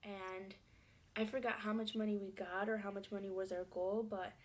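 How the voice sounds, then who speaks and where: A woman recounts a personal story in a soft, hesitant voice that often sinks toward a whisper. Her pitch stays flat and level, with little rise or fall. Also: moderate pace.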